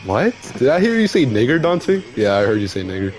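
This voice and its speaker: A man's voice: mid-range voice, big pitch swings, brisk, darkish tone, faint music behind. A young man streaming a game with friends, trading crude, laughing banter in casual chat.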